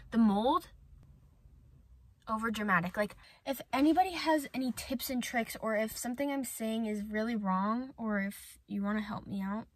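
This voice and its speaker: A teenage girl vlogging in casual chat, talking with a slight new lisp and lots of fillers. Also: fairly high pitch. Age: teens. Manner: chatty, filler-heavy, bubbly. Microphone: camera mic.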